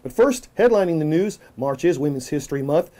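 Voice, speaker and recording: Man, middle-aged, news host, fast read, mellow dark voice, small office. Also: fairly high pitch, expressive. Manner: upbeat, reads from script. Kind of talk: scripted news reading.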